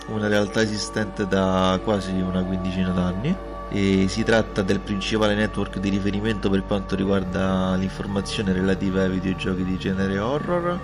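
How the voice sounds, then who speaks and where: Deep-voiced man on a low-quality recording. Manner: hesitant, repeats words and trails off with fillers. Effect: low-quality audio recorded without a proper microphone. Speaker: podcast host. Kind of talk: casual spoken podcast intro.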